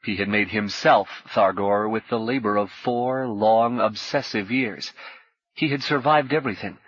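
A man reading a fantasy novel aloud in a measured storytelling voice. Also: lowish voice, a bit bright, husky, no room sound, muffled recording. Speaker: audiobook narrator. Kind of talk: scripted narration.

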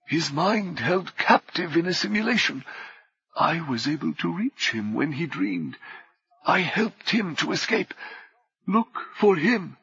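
A man reading the part of an urgent, grave male guardian figure in a gravelly, husky, formal voice. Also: high-pitched, fairly bright tone, no room sound, voice pushed up, exaggerated voice. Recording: dull dry studio recording.

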